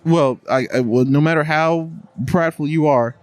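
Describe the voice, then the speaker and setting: A man's voice: a little high, normal speed, clear, resonant tone, no room sound. A man hosting a podcast, telling stories in a casual, profane way and laughing often. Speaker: podcast host. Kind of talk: casual chat.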